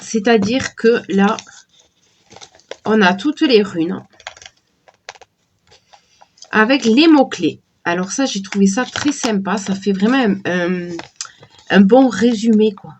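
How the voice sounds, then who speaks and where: A woman with a cold and a sore throat, slowly and hesitantly chatting while showing a deck of oracle cards. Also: medium pitch, a little hiss or hum. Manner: slow, hesitant, many fillers and restarts. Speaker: tarot and oracle card reviewer. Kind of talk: casual unboxing chat.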